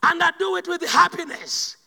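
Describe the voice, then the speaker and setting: A man from Uganda with a Ugandan accent preaching a sermon, swinging between loud shouted bursts and quiet slow asides. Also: extremely high pitch, animated, vocal fry, big-room sound.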